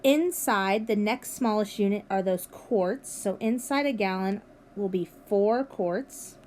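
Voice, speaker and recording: Slow and darkish in tone, her mid-range voice carries a little hiss or hum as she teaches math from home with her dog nearby. She has the hiccups but stays encouraging and upbeat, walking students through every step.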